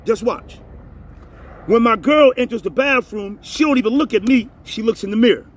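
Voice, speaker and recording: A man teaching the Bible in a casual, profane way, repeating phrases, reading verses slowly and emphatically, and often asking if you're with him. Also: extremely high pitch, husky. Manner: reads scripture slowly and emphatically.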